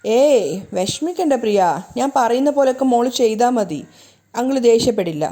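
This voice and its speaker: A woman's voice: a little high, fairly even intonation, fast, mellow, lightly acted. A woman voicing a drunk male villain who coaxes and sneers at a frightened child. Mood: coaxing, menacing. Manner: sweet-talking with a sneering edge. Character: drunk leering male villain, menacing and coaxing.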